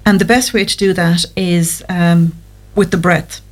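A woman's voice: lowish voice, steady tone, measured pace. A woman speaking as a guest therapist, giving explanatory advice in an interview. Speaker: guest anxiety therapist on a show.

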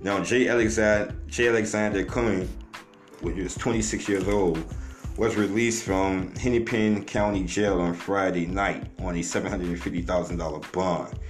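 Deep american guy doing casual news commentary, slangy, echoey room w faint music. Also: fairly even intonation, moderate pace. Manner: informal, slangy, conversational. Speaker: online commentator. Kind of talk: casual news commentary, partly reading aloud. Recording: roomy echo with faint music.

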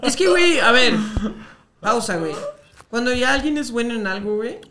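A speaker in their twenties with a Mexican accent, co-hosting a podcast in casual banter, rambling excitably with plenty of slang and swearing. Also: medium pitch, moderate pace, slight background noise.

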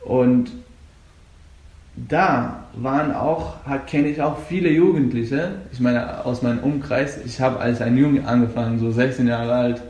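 A young man from Afghanistan, speaking German as a second language, talks earnestly about coaching jiu-jitsu, with halting restarts. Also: mid-range voice, steady tone, a little mellow. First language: not German. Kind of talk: casual interview. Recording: echoey room.

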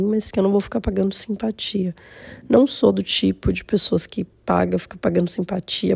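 A Brazilian woman hosting a candid, confessional vlog, talking casually and reflectively with the slightly hoarse voice of an inflamed, swollen throat. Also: mid-range voice, warm tone, no echo, studio quality. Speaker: vlog host.

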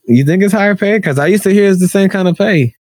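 A man's voice: high voice, quick pace, dry recording. A man in casual chat, telling work stories and acting out both sides of each exchange. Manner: animated storyteller, acts out both sides of conversations.

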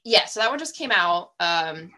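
Brief: woman podcast guest, lively pitch, laughs a lot, casual chat. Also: normal speed. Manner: animated, laughs often.

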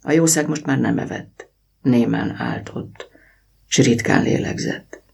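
A man reading a children's story aloud in an expressive storybook narration. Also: medium pitch, vocal fry, husky.

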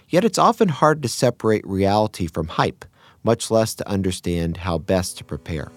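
A man hosting a business podcast, reading a measured, formal introduction and then interviewing his guest. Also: low-pitched. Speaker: podcast host.

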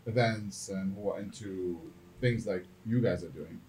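A man's voice: low voice, moderate pace, a little mellow, low-quality recording. A man bantering casually as a co-host in a playful, slangy way. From grew up in the UAE.

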